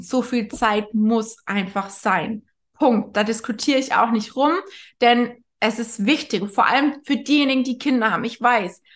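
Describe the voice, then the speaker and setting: A woman's voice: fairly high pitch, fairly bright tone. A woman nutrition coach giving casual spoken advice, chatty, with frequent tag questions and restarts. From Germany.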